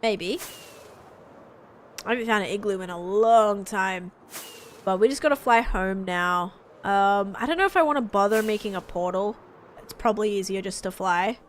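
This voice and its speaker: A young woman streaming a game live, chatting casually, answering her chat and getting excited over finds. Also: medium pitch, normal speed, a little hiss or hum.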